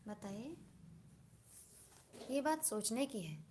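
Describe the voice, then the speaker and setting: A woman's voice: fairly high pitch, very animated, slow pace, a little mellow, slight background noise. A woman giving a devotional discourse, reasoning earnestly and asking her listeners rhetorical questions. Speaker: spiritual speaker.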